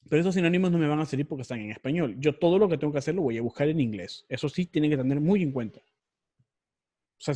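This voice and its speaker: A man's voice: fairly high pitch, a little mellow. A man teaching an online research class, explaining step by step and often repeating or correcting himself.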